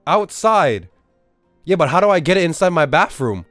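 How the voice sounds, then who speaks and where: A man's voice: on the high side, big pitch swings, normal speed, fairly bright tone, no room sound, faint music behind. A young man, ranting in a casual, profane way at his live-stream chat. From Australia. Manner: incredulous, profane, exaggerated ranting.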